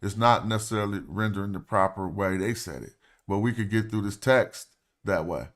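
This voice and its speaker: A man's voice: lowish voice, brisk, fairly bright tone. A man hosting a casual livestream, talking loosely and thinking aloud as he walks through ancient Egyptian words. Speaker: host. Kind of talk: casual livestream walkthrough of hieroglyph texts.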